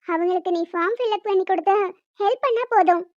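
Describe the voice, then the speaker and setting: A woman's voice: very high-pitched, fast talker, darkish tone, dry recording. A woman voicing a bossy pregnant young woman in a cartoon, firm and persuading. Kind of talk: cartoon dialogue. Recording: dull lo-fi dry sound.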